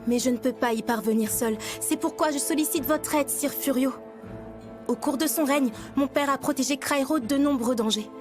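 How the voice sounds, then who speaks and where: A woman's voice: high-pitched, normal speed, music in the background, natural voice. A woman voicing an earnest young princess in an anime dub, speaking formally.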